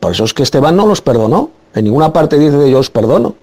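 A man's voice: fairly high pitch, very animated, fast, mellow. Emphatic man arguing scripture. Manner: insistent, emphatic repetition. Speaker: Bible teacher in a debate. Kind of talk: preaching argument.

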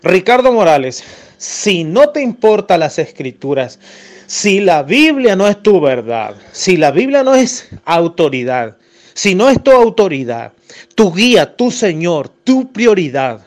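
High-voiced scolding preacher man. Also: very animated, unhurried. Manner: scolding, insistent, repetitive. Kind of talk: heated Bible rebuttal.

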